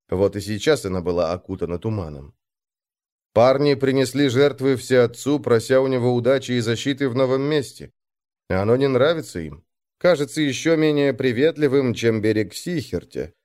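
A man narrating an audiobook with dramatic, expressive delivery. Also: medium pitch. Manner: dramatic, varied intonation.

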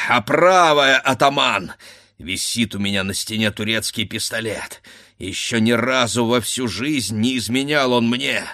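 A man voicing a stern, proud Cossack warrior husband who gives commanding, defiant shouts, in a dramatic audiobook reading. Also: medium pitch.

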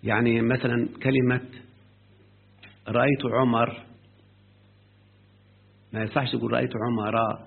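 A man's voice: mid-range voice, flat delivery, normal speed, vocal fry, long pauses, slightly rough. A man with an Egyptian Arabic accent explaining a grammar book to a student, often stopping to check that the student has understood. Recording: lo-fi phone-like recording.

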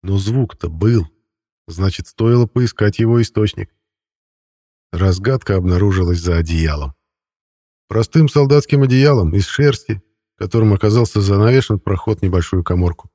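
A male narrator reads a first-person story with a wry, ironic touch. His voice is low and warm. The recording is dry and close, with no room sound. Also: no echo. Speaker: audiobook narrator.

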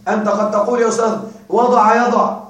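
A male teacher giving a classroom grammar lecture, repeating and drilling examples slowly and quizzing his students. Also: sits high, level tone. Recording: very echoey room, mic far off.

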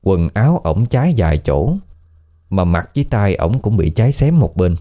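A man's voice: low-pitched, normal speed. A man with a Southern Vietnamese accent, telling a ghost story in a casual, conversational way. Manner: conversational, colloquial, lively storytelling. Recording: faint background music.

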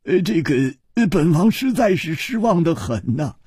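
A man's voice: a little high, sing-song, normal speed, a little mellow, breathy edge, dry recording, studio quality, exaggerated voice. A man voicing a pompous older king who hems and haws in formal speech. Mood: stiffly formal. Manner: hemming and hawing, formal. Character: hesitant pompous old male king.

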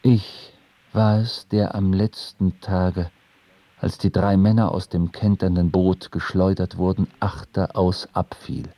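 Solemn survivor narrator, radio play, dark, slow, dry. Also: male voice, sits low, flat delivery, no room sound, heavily acted. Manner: measured, solemn storytelling.

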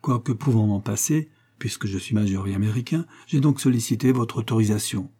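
A man's voice: fairly low pitch, a little fast, mellow, husky. A man voicing a proud, courteous young man. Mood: polite, firm. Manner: formal, firm, polite.

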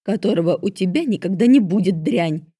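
Cruel stepmother done by a woman reader, barking, domineering, loud swings up high, flat dry sound. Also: measured pace, vocal fry, husky, no room sound, full character voice. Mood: enraged. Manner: harsh, barking orders.

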